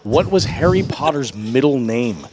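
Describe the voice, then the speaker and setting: A man's voice: mid-range voice, unhurried, very noisy. A man running a pub trivia night in a burger bar, reading questions to teams, laughing and teasing the players. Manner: lively, laughs often, teasing. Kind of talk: reading quiz questions to teams, casual banter. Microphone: microphone at a venue table. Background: music playing.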